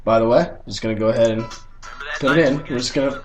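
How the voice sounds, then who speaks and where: A man's voice: mid-range voice, quick pace, soft background music. A young man hosting a casual sports podcast, blunt and teasing, swearing freely as he talks. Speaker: podcast host.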